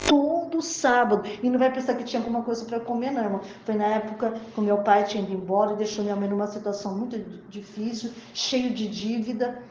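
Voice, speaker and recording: A woman's voice: mid-range voice, fairly even intonation, quick pace, hardly any pauses, dark tone. A woman gives an emotional sermon with personal testimony, calling out to the brothers and sisters again and again. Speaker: preacher. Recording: echoey, muffled, slightly noisy recording.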